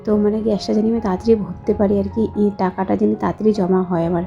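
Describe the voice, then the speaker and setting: A young woman with a hoarse voice from a cold, chatting slowly and softly to her viewers in a voice-over for her home vlog. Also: mid-range voice, flat delivery, highs cut off, faint music behind. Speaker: vlogger, housewife.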